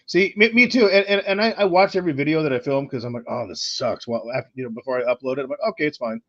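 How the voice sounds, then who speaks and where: A man's voice: fairly high pitch, steady tone, fairly bright tone, no room sound, lo-fi sound. A man hosting a casual livestream chat, often repeating words as he gets going. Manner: halting, repeats words when starting. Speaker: channel host.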